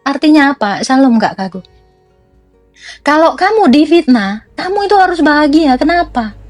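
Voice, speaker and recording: A woman's voice: sits high, sing-song, normal speed, no echo, faint music behind. A young woman preaching in a blunt, teasing rant that mixes slang with scripture.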